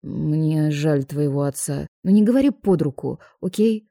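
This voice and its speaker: A woman's voice: deep voice, expressive, measured pace, dark tone, dry recording, clean studio sound, voice pushed down. A woman voicing a cocky, teasing young male television presenter in an audiobook. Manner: smug, mocking.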